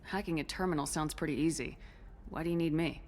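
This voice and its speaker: A woman's voice: sits low, steady tone, fast, darkish tone, slight background noise, close to an everyday voice. A woman playing a composed, direct human military commander in video game dialogue. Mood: concerned, direct.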